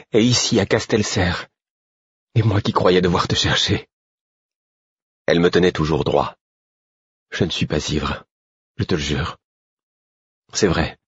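A man's voice: low voice, slightly rough, no room sound, lo-fi sound. A man voicing a dizzy, ashamed young man who pleads in an earnest, plaintive way, in an audiobook reading.

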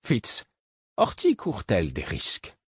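A man voicing an older male courtier who speaks calmly, with mild and faintly mocking courtesy. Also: on the low side, slow pace, husky, dry recording, clean studio sound, heavily acted. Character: older male courtier, calm, wry and gentle.

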